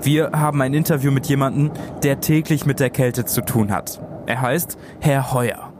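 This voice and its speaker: A man's voice: mid-range voice, fairly even intonation, moderate pace, background noise. A man telling stories as a podcast co-host, in a conversational narrating style.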